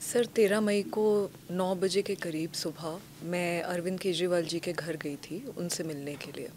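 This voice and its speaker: A woman answering interview questions, giving a detailed and earnest account. Her pitch is average, and a faint ambient hiss sits behind her voice. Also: fairly even intonation, a little slow, a little mellow. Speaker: guest.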